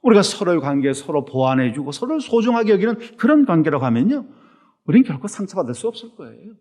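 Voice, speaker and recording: Lively high-voiced male pastor preaching. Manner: animated preaching with rhetorical questions, slowing down for emphasis. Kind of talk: Sunday sermon.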